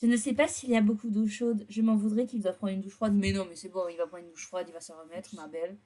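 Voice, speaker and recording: A woman's voice: medium pitch, fairly even intonation, fast talker, warm tone. A woman co-hosting a dating game playthrough, switching between reading the story text aloud and blunt, teasing, slangy commentary in casual chat.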